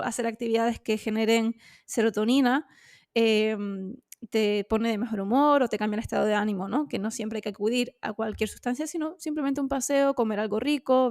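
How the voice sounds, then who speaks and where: A woman talks candidly as a podcast co-host. Her voice sits a little high, and she talks in a loose, chatty way full of fillers. The sound is dry and close. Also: a little mellow, dry recording. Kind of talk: casual conversation.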